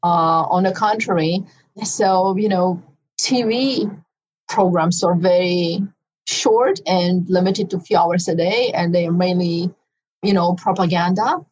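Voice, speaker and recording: A woman's voice: lowish voice, unhurried, darkish tone, highs cut off. A middle-aged woman with a Romanian accent, a physician guest recalling her past in an interview in a reflective, storytelling way. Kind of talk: interview conversation.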